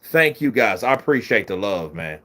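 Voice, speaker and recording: A man's voice: fairly low pitch, very animated, normal speed, a bit bright. A man hosting a boxing livestream, chatting casually, reading out and thanking viewers by name.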